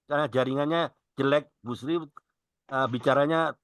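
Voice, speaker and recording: Male host, bright voice, dry close sound, brisk prompting. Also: mid-range voice, smooth, no echo. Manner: guiding, gives short instructions and prompts. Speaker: host and evangelist. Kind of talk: hosting an online interview.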